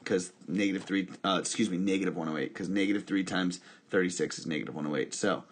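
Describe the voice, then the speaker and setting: A husky-voiced man teaching a recorded math lesson, talking through each step by asking and answering his own questions. His voice sits a little low, and he drops in dry, joking asides as he works. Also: fast. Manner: talks through steps with self-questions and wry asides.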